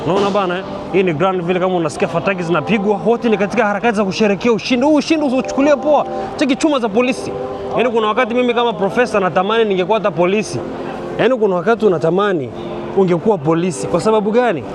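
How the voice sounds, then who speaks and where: A Tanzanian man with a high-pitched, racing voice films a walking vlog on a busy city street during a night celebration. He jokes, chats to viewers and laughs often, while loud crowd noise and music fill the background.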